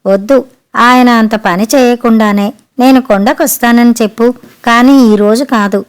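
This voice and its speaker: A woman's voice: a little high, fairly even intonation, a little slow, clear, resonant tone, close to an everyday voice. A teasing grown son, read by a woman narrator, bantering lightly with his mother. It is a storybook reading, with little change from the reader's own voice. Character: joking adult son, teasing and irreverent.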